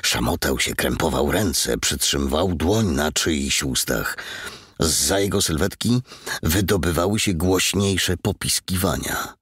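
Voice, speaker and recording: A man's voice: extremely low pitch, unhurried, a bit bright, husky, no room sound, studio quality. A man reading an audiobook as the narrator, telling the story with tense drama. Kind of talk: scripted narration.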